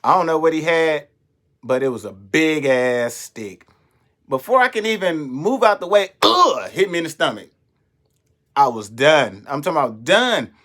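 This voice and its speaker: A young adult man, a comedian, telling a story in an animated, profane way and acting out the voices of the people in it. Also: a little high, moderate pace. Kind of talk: storytelling monologue.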